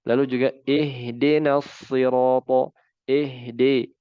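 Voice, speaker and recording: A man teaching a religious lesson on recitation, chanting example words slowly and then explaining them. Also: medium pitch, level tone, smooth, no echo, muffled recording.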